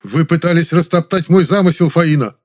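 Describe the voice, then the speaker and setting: A man's voice: fairly high pitch, a little fast, voice pushed up, close to an everyday voice. A man reading aloud, voicing an indignant, pompous theatre director who raises his voice in outrage. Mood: outraged. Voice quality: loud, huffy. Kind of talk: audiobook character voice.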